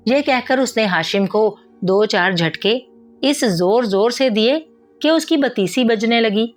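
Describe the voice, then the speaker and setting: A woman narrating a moral story in a steady, expressive reading. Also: on the high side, soft background music. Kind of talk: scripted narration.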